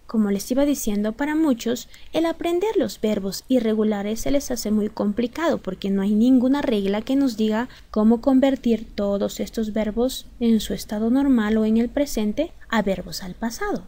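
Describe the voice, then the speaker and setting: A woman's voice: fairly high pitch, moderate pace, hardly any pauses, warm tone. A woman teaching a video grammar lesson, explaining rules step by step and asking her students rhetorical questions. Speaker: English teacher.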